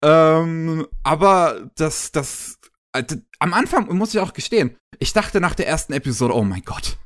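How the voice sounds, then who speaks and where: A man's voice: a little high, lively intonation, normal speed, a bit bright. Hesitant man chatting about anime. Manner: hesitant, many fillers and restarts. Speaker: podcast guest reviewing anime. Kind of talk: casual podcast chat.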